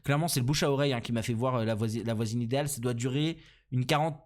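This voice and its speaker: A young man with a French accent talks through a casual solo podcast at a middle pitch. He rambles and pokes fun at himself, filling the gaps with hesitations and restarting his sentences. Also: racing. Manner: rambling and self-deprecating, many fillers and restarts. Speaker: podcast host.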